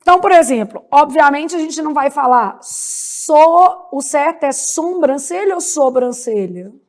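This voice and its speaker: A woman teaching a grammar lesson, drawing out each example word slowly and checking in with "né?" and "beleza?". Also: high voice, a little mellow. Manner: slow, spells out words syllable by syllable, frequent "né?" and "beleza?". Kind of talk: grammar lecture.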